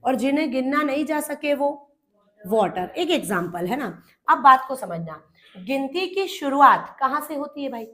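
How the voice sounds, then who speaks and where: A woman's voice: sits high, very animated, normal speed, a bit bright. A young Indian woman teaching an exam-prep grammar lesson, who explains step by step, calls her students "beta" and asks and answers her own questions.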